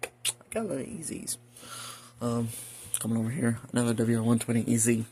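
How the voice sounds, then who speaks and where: An American hobbyist hosts a casual show-and-tell vlog indoors at home, speaking briskly at medium pitch against a noisy background. His delivery is folksy and rambling, with muttered asides to himself along the way.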